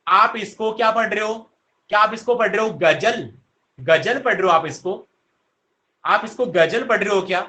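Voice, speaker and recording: Male teacher, high bright voice, slow delivery, drills the class with repeated questions. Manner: answers his own questions. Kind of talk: online class lesson.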